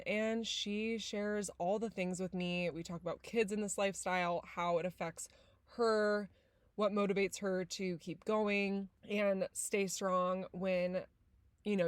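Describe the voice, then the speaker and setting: A woman from San Diego hosts a podcast, opening and chatting casually with a mid-range voice that sounds a little nasal and congested. She's chatty and leans on lots of fillers like "like," and there's no room sound.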